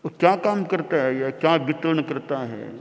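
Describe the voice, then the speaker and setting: A man's voice: a little high, expressive, moderate pace, a little hiss or hum. A man voicing a proud, skeptical atheist king who questions others with scorn and emphatic repetition. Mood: scornful. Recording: long reverb of a large hall.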